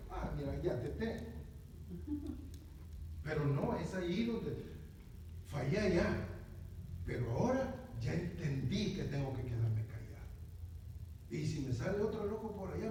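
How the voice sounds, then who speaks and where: High-voiced pastor preaching in a hall. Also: male voice, darkish tone. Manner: conversational, repeats words, often asks "¿verdad?". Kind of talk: conversational sermon. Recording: very echoey, distant, faint noise.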